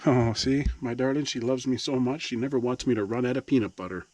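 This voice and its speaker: A man's voice: medium pitch, fairly even intonation, fast talker, a little mellow. A man filming a casual farm vlog outdoors in the rain, exasperated and laughing at himself, getting winded as he hops around. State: out of breath. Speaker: farm vlogger.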